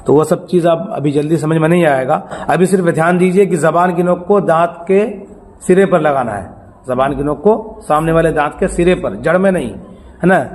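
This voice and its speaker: A man teaching children to pronounce letters for Quran reading, patient and repetitive, often quizzing them with short questions. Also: fairly high pitch.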